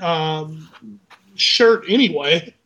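A man's voice: on the high side, very slow, fairly bright tone, highs cut off. A man with a mild Southern US accent co-hosting a sports podcast in casual chat, teasing his partner with dry humor. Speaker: podcast co-host.

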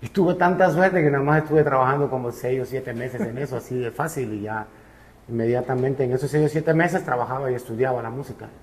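A Cuban man in his fifties with a Cuban Spanish accent, a musician guest telling his life story in a relaxed way, with many fillers. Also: medium pitch, brisk. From Cuba.

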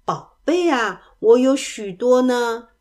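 A woman voicing a calm, wise old grandpa rabbit in a children's storybook, slow and gentle. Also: a little high.

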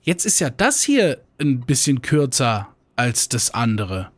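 A fussy chicken from a told fable, as a man puts it on, dithering and fretting out loud. The voice sits at a middle pitch and sounds dry. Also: big pitch swings, measured pace, no room sound.

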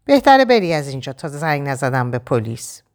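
A woman's voice: a bass voice, big pitch swings. A woman reading a story aloud, voicing a fierce young woman who defends her friend sharply. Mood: defiant. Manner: sharp, defiant, pleading.

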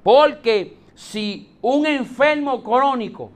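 Un pastor con acento puertorriqueño que predica un sermón con energía, cambiando el ritmo y hablando directamente a los oyentes. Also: male voice, extremely high pitch. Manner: animated preaching, speeding up and slowing down, addresses the listeners directly. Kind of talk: sermon.

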